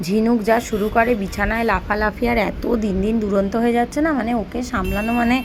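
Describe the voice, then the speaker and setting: A woman in her thirties with a Kolkata Bengali accent, chatting casually at home for her vlog about her baby, her voice a little hoarse. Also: mid-range voice, steady tone, fast talker. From West Bengal, India. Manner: chatty, sing-song with her child. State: hoarse from shouting. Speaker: vlogger and mother. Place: home, indoors. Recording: noisy home phone recording.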